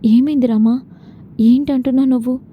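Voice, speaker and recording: A woman's voice: sits high, steady tone, moderate pace, natural voice. A woman voicing a caring, anxious young woman who questions her friend. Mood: worried. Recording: dull lo-fi with faint noise.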